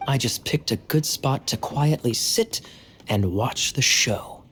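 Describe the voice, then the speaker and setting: Man as a suave game knight, wry, teasing, medium pitch, faint ambient noise. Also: slow, lightly acted. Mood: amused. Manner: smooth-talking, wry, teasing. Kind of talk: video game voice acting.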